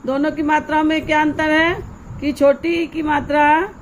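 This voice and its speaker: A woman's voice: sits high, little pitch movement, moderate pace, slight background noise, low-quality recording. A woman teacher giving a grammar lesson to young children, explaining patiently and asking the pupils questions.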